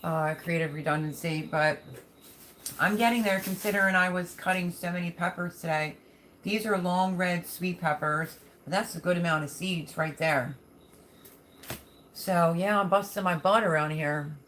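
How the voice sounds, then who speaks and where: Woman, slightly low voice, chatty livestream host, folksy and affectionate, casual delivery, faint background noise. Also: moderate pace, fairly bright tone. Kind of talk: casual live chat, reading and answering viewer comments.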